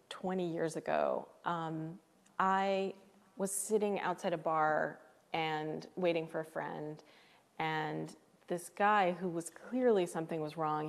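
In a large hall, a woman author with a deep, creaky voice is interviewed live over a live stream setup. She tells a personal story in a thoughtful, candid and emotional way.

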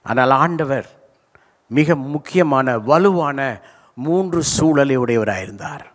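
A medium-pitched, animated male voice, unhurried in pace, belongs to an older pastor from South India. Holding a handheld microphone on a large church stage, he stretches key words and prompts replies from the congregation, and the recording carries the hall's live reverb.

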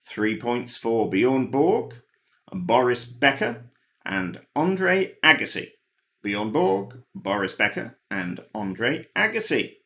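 A man runs through the answers to a pub quiz, his pitch moving a lot as he lists names. He slips in dry, wry remarks between the answers. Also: big pitch swings, takes it slowly, a bit bright. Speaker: quiz host. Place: home, recorded alone.

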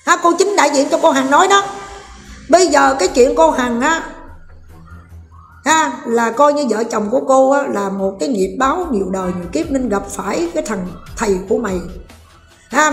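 A woman's voice: high voice, animated, brisk. Scolding woman in an echoey room. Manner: scolding, blunt, addresses listener with rough familiar speech. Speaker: online commentator. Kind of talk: heated ranting commentary. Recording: echoey roomy recording with faint music.

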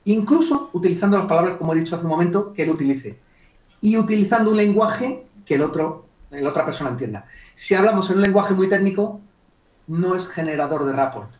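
A man gives a lively online communication workshop, acting out client dialogues and speaking to participants by name. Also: high voice, brisk. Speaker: communication trainer. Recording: echoey room, distant mic.

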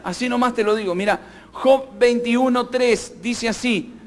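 Male pastor, very high-pitched, emphatic sermon delivery, keeps putting questions to the congregation. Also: unhurried.

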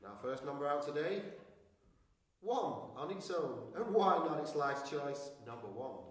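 Brash, weary bingo caller, played by a man, high-pitched, comic club patter, very echoey hall. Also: expressive. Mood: deadpan calling. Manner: bingo caller's patter, drawn-out calls with pauses before numbers. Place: small stage with curtains, indoors. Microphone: handheld microphone, recorded from a distant camera. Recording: very echoey hall, distant, faint noise.

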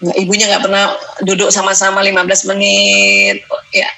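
A middle-aged woman giving a lively parenting lecture, acting out mothers and children in short quoted lines. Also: medium pitch, fairly quick, poor audio. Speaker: parenting speaker.

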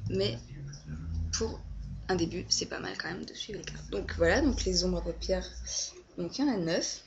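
A woman's voice: lowish voice, normal speed, creaky, noisy background. A young woman casually reviewing a makeup palette in her first vlog, hesitant and full of fillers. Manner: hesitant, many fillers and self-corrections. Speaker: beauty vlogger. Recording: dull lo-fi home webcam audio.

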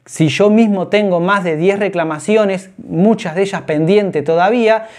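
A man in his thirties delivers personal finance advice to the camera, earnest and explanatory, his hands moving as he talks. His voice is high and darkish at a moderate pace, recorded in a small orange-walled room.

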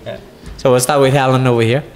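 A worship leader on a church sanctuary stage sings and chats casually between songs, backed by a live band with guitar. His voice is mid-range with little pitch movement, and he talks quickly.

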